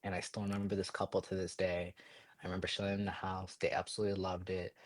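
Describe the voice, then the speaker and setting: Deep, flat-voiced young man telling stories. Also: dry recording. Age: 20s. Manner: quick, energetic retelling with many fillers. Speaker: podcast guest. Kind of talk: casual storytelling.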